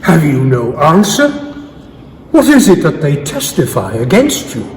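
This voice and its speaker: A man's voice: fairly high pitch, wildly swooping pitch, unhurried. A man playing a commanding priest and governor in a dramatic scripture reading, declaiming like a stage actor. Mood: stern, accusing. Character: accusing high priest and governor, commanding male interrogator. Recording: long reverberant hall, faint background noise.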